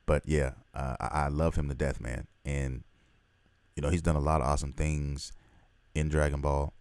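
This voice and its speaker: A man hosting a casual vlog, talking excitedly in a rambling way and swearing freely. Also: extremely low pitch, normal speed, smooth, dry recording. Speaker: host.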